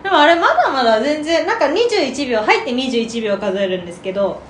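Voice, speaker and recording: A woman with a high, lively voice chats casually as a podcast co-host. She sounds giggly and amused as she talks, in a roomy, echoing space with faint noise. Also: quick pace. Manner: giggly, laughs while talking. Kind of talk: casual chat.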